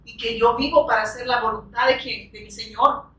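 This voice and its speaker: Woman preacher, bright higher voice, delivering a fervent sermon; recorded from a distance in a reverberant church. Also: fairly even intonation, brisk. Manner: fervent, frequent rhetorical questions and amens. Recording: echoey room, distant from the mic.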